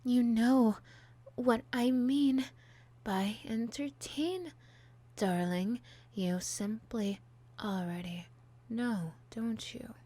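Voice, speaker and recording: In an ASMR role-play, a woman plays a young monster girl who is possessive, obsessive and in love, an unhinged and clingy villainess. Her voice sits a little high, with drawn-out words and breathy, hushed stretches carrying a mood of quiet jealousy.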